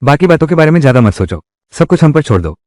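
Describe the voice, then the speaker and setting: A man's voice: a little high, very animated, quick pace, darkish tone, no echo, studio quality. A man narrating a dubbed drama recap and reading every part himself in one voice. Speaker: dubbing narrator. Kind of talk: Hindi drama recap dubbing.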